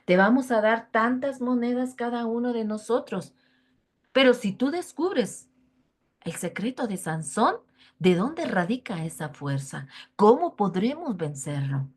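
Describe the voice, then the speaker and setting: A woman's voice: fairly high pitch, lively intonation, a little slow. A Mexican Spanish woman voicing scheming male enemy leaders who bargain persuasively in a children's Bible story.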